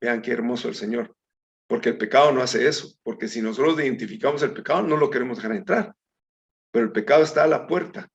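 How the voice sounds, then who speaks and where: A man's voice: medium pitch, fast, vocal fry. A man teaching a Bible study in a conversational way, calling his listeners brethren and reading scripture aloud. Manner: reads scripture aloud with small slips. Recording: dull lo-fi recording.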